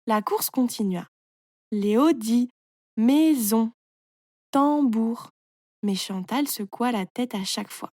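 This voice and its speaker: A woman narrating a scripted children's story in a clear, measured storytelling manner. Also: mid-range voice, a little mellow, no room sound, studio quality.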